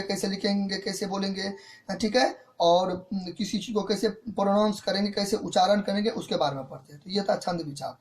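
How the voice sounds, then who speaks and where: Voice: medium pitch, darkish tone. A teacher giving an online grammar lesson, explaining step by step, repeating points and often checking in with the students. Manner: mixes in English terms.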